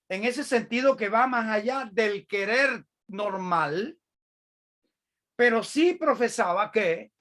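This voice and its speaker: A preacher delivers a sermon in a measured, teaching manner. The pace is slow and unhurried, and the voice sits at a middling pitch. Key phrases are repeated as each point is drawn out. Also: a bit bright. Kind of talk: sermon, explaining a Bible passage. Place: church.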